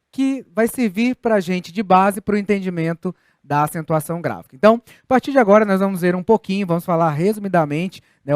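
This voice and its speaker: A man's voice: high voice, smooth, no echo, studio quality. A Brazilian man giving a recorded grammar lesson, explaining step by step and asking his students rhetorical questions. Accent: Brazilian Portuguese. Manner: didactic, addresses students directly with rhetorical questions. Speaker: Portuguese teacher.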